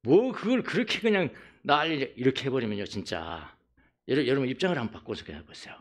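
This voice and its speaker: Korean pastor with a lively, rising-falling sermon voice. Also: male voice, mid-range voice, quick pace. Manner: lively preaching, acts out mocking voices, repeats phrases for emphasis.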